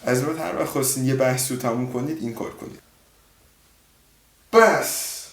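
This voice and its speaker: Jokey male reaction host, mock-lectures, average pitch, echoey room. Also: steady tone, very noisy. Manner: joking, mock-lecturing asides. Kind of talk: casual comic commentary.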